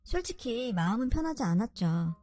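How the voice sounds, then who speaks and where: A woman narrating a dramatized first-person story in a confiding, expressive way. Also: on the high side, moderate pace.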